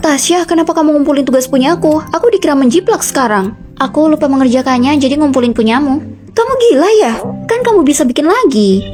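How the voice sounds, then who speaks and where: A woman voicing bickering young female college students in a dorm, with quick, petty, squabbling lines, in a dubbed short drama. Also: high-pitched, animated, darkish tone. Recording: faint music underneath.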